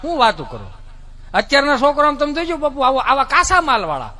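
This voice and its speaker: Lively high-voiced comedian. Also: male voice, quick pace. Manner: lively, mimics relatives and children. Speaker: stand-up comedian. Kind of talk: folksy stand-up storytelling.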